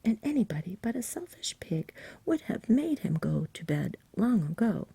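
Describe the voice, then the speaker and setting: Kindly firm saintly knight done by a woman, storybook ASMR, husky whisper, reassuring, dry close sound. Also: mid-range voice, sing-song, moderate pace, mellow, no echo, voice pushed up, heavily acted. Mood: firm, scolding.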